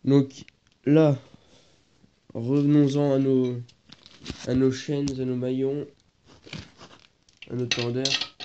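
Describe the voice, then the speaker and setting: Long pauses mark the slow, flat delivery of a teenage boy whose mid-range voice has a darkish tone and sounds congested from a cold. He searches for words while filming his moped work for a laid-back workshop vlog. His phone is held and later propped, giving dull, noisy lo-fi sound.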